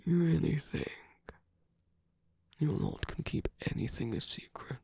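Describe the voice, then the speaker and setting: Here the same masquerade villain turns scornful and persuasive, his pitch a little high and his intonation lively in an exaggerated performance. Soft and breathy, he teases in slow murmurs that keep dropping to a whisper for this intimate ASMR roleplay. The recording is dry.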